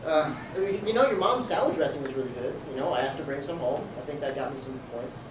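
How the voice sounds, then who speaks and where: A man's voice: a little high, expressive, quick pace, natural voice. An actor playing a nervous, stammering young boyfriend eager to impress his partner's parents. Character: awkward young vegan boyfriend meeting the parents. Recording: roomy sound from a distant mic, background noise.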